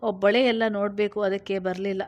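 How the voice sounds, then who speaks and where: A middle-aged sister, busy and a little defensive as she explains herself to her brother, voiced by a woman reading aloud. Her voice sits at an ordinary pitch in a spoken storybook. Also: little pitch movement, fairly quick, highs cut off, natural voice. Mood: explaining.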